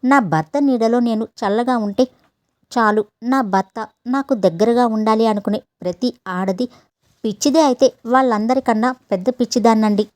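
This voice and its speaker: A woman's voice: a little high, moderate pace, darkish tone, lightly acted. A woman playing a hurt, pleading young wife. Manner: pleading, reproachful.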